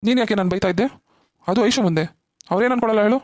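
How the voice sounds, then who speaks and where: A playful young man from a cartoon, voiced by a performer teases and cajoles in a middle-pitched voice. The recording is dry and close. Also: rapid-fire, a little mellow, no echo, lightly acted. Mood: teasing. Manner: teasing, cajoling. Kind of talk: cartoon voice acting.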